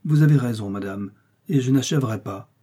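A man's voice: mid-range voice, fairly quick, warm tone, husky, lightly acted. A man voicing a vain, boastful musketeer who speaks in a pompous, self-important manner, in a storybook reading. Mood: aggrieved.

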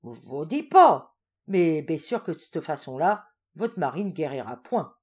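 A woman performs a malicious old farmer in a spoken storybook. He teases and warns in rustic country dialect. His voice is pitched raised and loud. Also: very animated, a little slow, slightly rough, heavily acted. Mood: mock-solemn. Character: sly old male farmer, teasing and malicious.

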